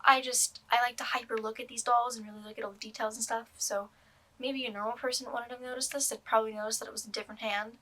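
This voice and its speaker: A young woman with a bright, slightly high voice talks through a disappointing purchase in a loose, rambling way. She hedges and restarts often, filling pauses with ums and likes, like a casual chat with viewers. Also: fairly even intonation. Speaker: doll collector vlogger. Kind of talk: casual vlog review.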